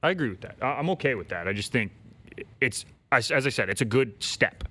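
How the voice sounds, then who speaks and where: A man co-hosting a soccer podcast, quick and insistent as he argues his point in casual chat. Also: mid-range voice, expressive, bright, forceful tone. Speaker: podcast co-host.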